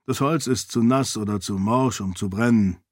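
A wry, guarded big man of few words, his voice sitting a touch lower than the narration around him, as a male narrator puts him on. He answers tersely and dryly, in a storybook reading recorded in a dead, dry booth. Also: normal speed, a little mellow, no room sound, close to an everyday voice.

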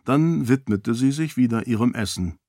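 Male audiobook narrator, calm even reading, mid-pitched voice, dry close sound. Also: normal speed, no echo. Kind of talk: scripted narration.

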